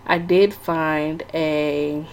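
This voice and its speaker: A woman's voice: low-pitched, little pitch movement, extremely slow, noisy background. A woman talking casually to her viewers, chatty and rambling, with lots of fillers and restarts. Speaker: vlogger giving sales tips. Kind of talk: casual talk to camera.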